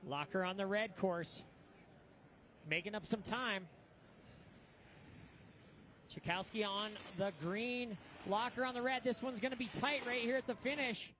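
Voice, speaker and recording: A man with a notably high voice works as a race caller, following the action as it happens. His live sports commentary comes with audible event noise behind it. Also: steady tone, a little slow, pauses often, bright, forceful tone. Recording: clear background noise, outdoor event ambience.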